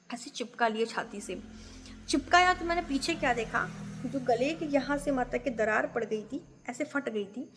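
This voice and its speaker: A woman with a somewhat high voice recounts a deeply felt personal story, earnest and full of pauses. Her voice rings in a room with a long reverb tail and a faint hiss. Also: fairly bright tone. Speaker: temple devotee telling her story. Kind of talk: emotional personal testimony.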